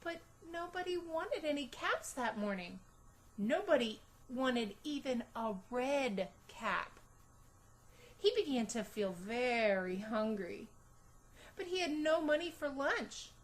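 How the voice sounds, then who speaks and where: A storytime reader with a voice that sits high reads a children's story aloud. She is expressive and deliberate, adding dramatic emphasis for young listeners.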